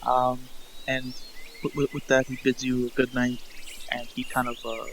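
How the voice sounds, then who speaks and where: Man, game master, halting and stammering, mid-pitched voice, faint insect sounds behind. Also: completely flat delivery, a bit bright, a little hiss or hum, low-quality recording. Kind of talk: narrating a tabletop game.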